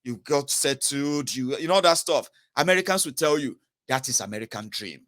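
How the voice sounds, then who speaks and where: A man's voice: medium pitch, animated, normal speed, fairly bright tone. A Nigerian man in his thirties with a southern Nigerian accent, speaking straight to the viewer in an emphatic political commentary and slipping into pidgin phrases. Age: 30s. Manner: emphatic, questions the viewer directly, mixes in pidgin. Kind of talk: direct-to-camera commentary.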